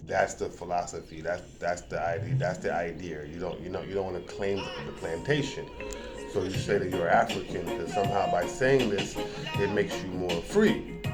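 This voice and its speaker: A man's voice: low-pitched, moderate pace, music in the background. A man giving a casual, rambling monologue, often repeating words and building to emphatic points.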